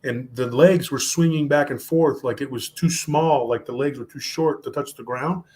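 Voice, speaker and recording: A man telling a story on a podcast in a casual, animated way, mixing Spanish slang into his talk. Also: medium pitch, normal speed. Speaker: podcast guest.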